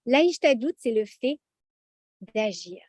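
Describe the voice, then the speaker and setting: A woman teaching a lively religious lesson to an audience, chatty and animated, often checking in with the audience. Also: on the high side, takes it slowly, no echo, clean studio sound.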